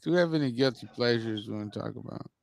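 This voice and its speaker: An American podcast host trades teasing, exasperated banter in a casual chat. His mid-range voice is quick and creaky, and the recording has no echo.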